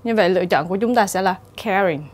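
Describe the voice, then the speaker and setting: A woman teacher giving a steady, explanatory exam-prep lesson and reading the answer options aloud. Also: mid-range voice, fast talker. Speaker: English teacher.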